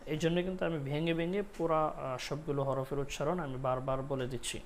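A man teaching Quran reading, who splits words into letters and repeats each sound. He chants the verses loudly and slowly and speaks his explanations softly. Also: a little high, steady tone, slight background noise. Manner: chants the verses slowly and loudly, plain talk soft and quick. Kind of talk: Quran recitation lesson.

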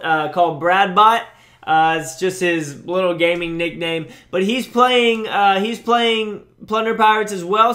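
This young man's voice sits high, bright and forceful as he plays a mobile game for his YouTube channel. He keeps up a casual, cheerful running commentary, often restarting sentences and using fillers.

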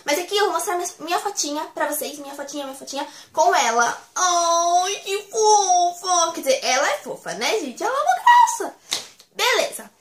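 Excitable young Brazilian woman, very high voice. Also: normal speed, few pauses, roomy sound, slight background noise. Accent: Brazilian Portuguese. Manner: gushing, excitable, repeats words for emphasis. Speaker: vlogger. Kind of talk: casual chat to camera.

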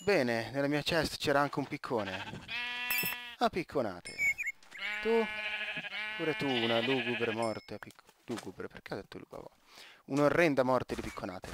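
A man's voice: medium pitch, very animated, a little slow. Teen guy from italy rambling over gameplay, trips over words, jokes around, noisy home mic. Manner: rambling, self-interrupting, joking asides. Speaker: gaming YouTuber. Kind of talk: casual gameplay commentary.

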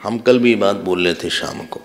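A man giving a scripture discourse as a swami, animated and teaching with laughs and quoted voices. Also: lowish voice, normal speed, long reverb tail. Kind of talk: sermon.

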